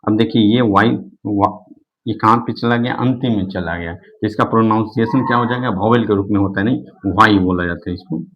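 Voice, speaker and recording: A man's voice: on the low side, a bit bright, highs cut off. A man teaching an English lesson, who keeps asking questions and answering them himself, with many repeats and restarts. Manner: repeats himself and restarts often, fillers like "nahin". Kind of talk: classroom-style lesson explaining English in Hindi.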